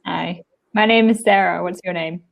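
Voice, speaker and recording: An Australian woman teaching English in a casual online chat, often pausing with "um" and laughing easily. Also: fairly low pitch, fairly even intonation, vocal fry. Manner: giggly, hesitant with frequent ums. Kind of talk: casual conversation lesson.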